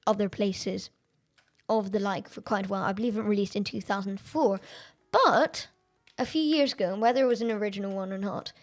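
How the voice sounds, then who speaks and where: A woman streamer chatting through a racing game, excitable and quick to laugh at her own mistakes. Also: mid-range voice. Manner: chatty, excitable and self-deprecating. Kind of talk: live-stream gameplay commentary.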